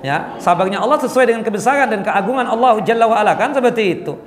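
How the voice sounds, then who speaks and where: A man's voice: high voice, expressive, rapid-fire, echoey room. A man preaching casually in a mosque, answering questions and often checking whether the audience understood. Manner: conversational, asks the audience "jelas?" often.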